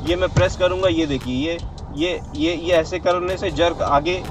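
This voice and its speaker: A man's voice: on the high side, fairly even intonation, moderate pace. A man explaining clutch use step by step while he drives, with fillers and restarts. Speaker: driving instructor. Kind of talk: casual in-car driving tutorial. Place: inside a car on a city road. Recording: car and road noise behind.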